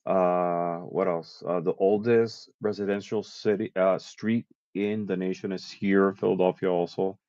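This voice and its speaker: Deep-voiced man from Puerto Rico, muffled. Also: steady tone, measured pace, hardly any pauses, a little mellow, no room sound. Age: around 50. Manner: chatty, lists facts at length. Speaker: guest. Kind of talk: casual livestream chat.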